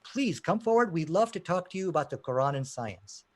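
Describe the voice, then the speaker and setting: A man from Pakistan argues as a debater in an impassioned, emphatic and challenging way. His voice is a little high, animated and fairly quick, and he speaks Arabic as a second language rather than as his first.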